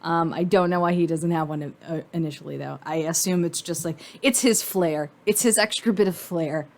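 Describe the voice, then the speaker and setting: Casually rambling woman, thinking out loud. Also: lowish voice, normal speed. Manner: informal, mildly sweary, thinking out loud. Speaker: fan commentator. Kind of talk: casual rambling commentary on cartoon costume design.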